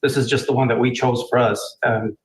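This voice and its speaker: Calm, measured man explaining his marriage, echoey clip. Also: mid-range voice. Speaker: interviewed husband in clip. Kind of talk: calm explanation on a radio show.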